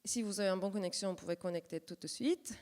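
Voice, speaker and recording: A woman with a Turkish accent, a native Turkish speaker, presenting an improvised live software demonstration and hesitantly searching for words. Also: mid-range voice, fast talker. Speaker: workshop presenter. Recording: echoey hall with long reverb.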